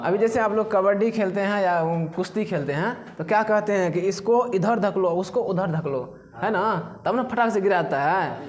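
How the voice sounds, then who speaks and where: A man's voice: high-pitched, normal speed. A man teaching a physics class, who keeps asking the students questions and then answers them himself.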